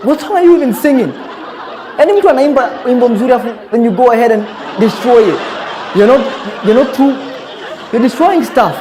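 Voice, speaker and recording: Laughing Kenyan comedy host, lively pitch. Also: male voice, a little fast, crowd noise, noisy background. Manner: mocking, laughing, incredulous. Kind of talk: satirical commentary.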